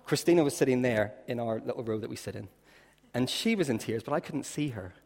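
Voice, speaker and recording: A man's voice: mid-range voice, animated, a little fast, vocal fry, darkish tone. An Irish man preaching a sermon as a lilting, dramatic storyteller, with playful asides to his congregation. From Ireland. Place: large church room, preaching to a congregation. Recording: echoey hall with long reverb.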